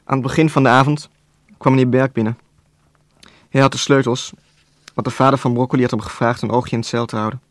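A man reading a novel aloud as narrator, in a calm, even storytelling voice with a dry wit. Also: mid-range voice, quick pace, long pauses, dry recording. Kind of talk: scripted audiobook narration.

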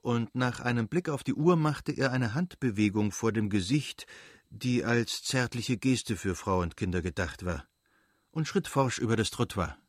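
A man giving a measured, even audiobook narration. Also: mid-range voice, no room sound, studio quality.

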